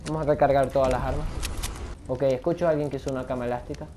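A man narrates his own gameplay as he plays, reacting out loud with sudden exclamations and swearing, often dropping English slang into his Spanish. His voice sits at an average pitch with a mellow, dark tone. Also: fairly even intonation, rapid-fire, slight background noise. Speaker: gaming channel host. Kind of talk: live gameplay commentary.

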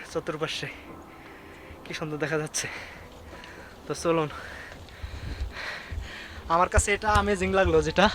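Young male travel vlogger, Bangladeshi Bengali accent, high-ish voice, chatty and repetitive, noisy outdoor phone audio. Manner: chatty, repetitive, keeps addressing viewers as guys. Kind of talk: casual travel vlog narration. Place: outdoors on a hilltop site, in the rain.

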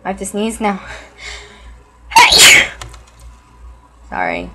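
A woman's voice: lowish voice, expressive, moderate pace, very noisy. A woman talking through a makeup tutorial in a casual, chatty way, often joking at herself.

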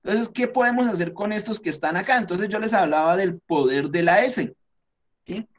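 A Colombian man with a fairly high-pitched voice, teaching a class. He explains each point patiently and step by step, and keeps checking that his students are following. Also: moderate pace. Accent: Colombian Spanish.

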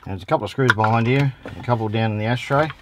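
This is a four-wheel-driving how-to host, an Australian man in his forties, walking through a DIY tutorial in a relaxed, slangy, matter-of-fact manner. He talks fast in a mid-range voice. The setting is outdoors in a driveway among vehicles, with noticeable ambient noise behind him.

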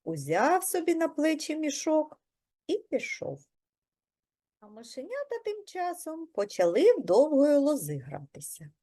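A preschool teacher reading a folk tale aloud to young children in a gentle, expressive storytelling manner. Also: female voice, sits high, unhurried.

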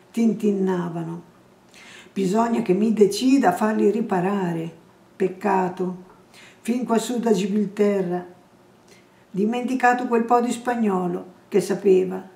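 Slow, mellow woman reading a novel. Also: medium pitch. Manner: measured, unhurried, lingering on phrases. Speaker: reader. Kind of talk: slow literary reading aloud. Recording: roomy echo, distant mic.

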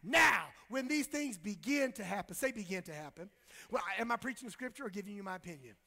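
A man's voice: high voice, expressive, fast, pushed and bright, shouting, in a large hall. A male pastor preaching a fiery sermon with call-and-response and lots of repetition. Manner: impassioned preaching, call-and-response, repeats phrases.

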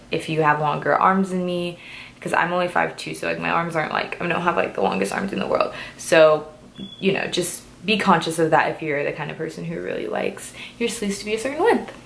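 A fashion vlogger in her twenties chats casually through a clothing try-on haul in a fairly low, gravelly voice. She sounds a little stuffy from a cold and fills her speech with "like" and "um."

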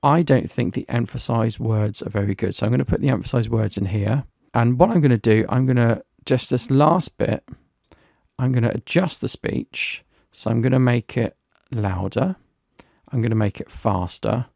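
A man giving a relaxed software review, talking through each step on screen as he clicks. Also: mid-range voice, moderate pace, creaky, dry recording, studio quality. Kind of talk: screen-recorded software walkthrough.

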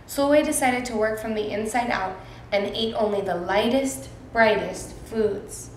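A woman teacher reading a picture book aloud to her class, gentle and expressive, pausing to ask the children questions. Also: mid-range voice. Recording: very echoey room, faint noise.

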